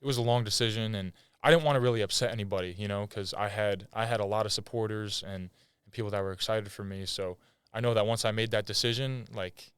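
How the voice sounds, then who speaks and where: A young man hosts a relaxed podcast conversation in a somewhat low, smooth, clear voice. He talks easygoing and slangy, tossing in "bro" and "like." The close mic sounds dry. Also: fast talker, no room sound. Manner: laid-back, slangy, says "bro" and "like". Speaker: podcast host. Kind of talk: casual podcast interview.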